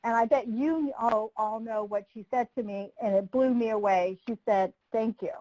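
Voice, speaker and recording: A woman and former prosecutor telling a personal story in a training webinar, acting out the dialogue in a lively way. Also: a little high, normal speed, no room sound, low-quality recording.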